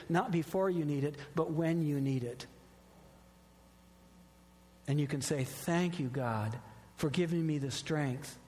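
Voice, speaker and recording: A man's voice: on the high side, a little mellow. A middle-aged man, a pastor, preaching a sermon with earnest personal stories. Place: church sanctuary. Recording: long hall reverb.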